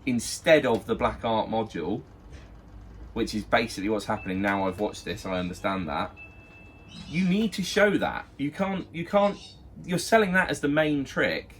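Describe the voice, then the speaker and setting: A man's voice: medium pitch, big pitch swings, normal speed, a little hiss or hum. A man co-hosting a magic product review, talking bluntly and with exasperation about a tutorial. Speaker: magic shop review co-host. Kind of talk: casual review chat.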